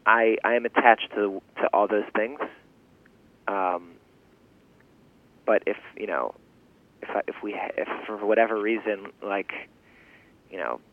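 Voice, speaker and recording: A man in his twenties giving a casual interview, halting and thinking aloud as he goes, often restarting phrases. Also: fairly low pitch, no room sound. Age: 20s. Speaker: interview guest, farm founder and language teacher. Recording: thin phone-like radio interview sound.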